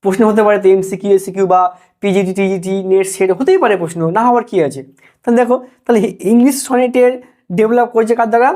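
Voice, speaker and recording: A woman's voice: medium pitch, quick pace, warm tone. A woman teacher, giving an exam-prep literature lecture in a repetitive, explanatory way. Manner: repetitive, explanatory, keeps saying "look".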